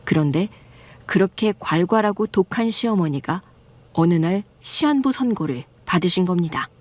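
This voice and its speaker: A woman narrating a first-person story in a calm, confiding tone, like an audiobook. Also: fairly low pitch, normal speed.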